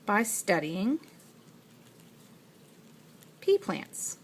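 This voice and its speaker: In a very slow, sing-song medium-pitched voice, a female teacher lectures on science, talking through her writing as she goes with patient explanations. A little hiss or hum can be heard.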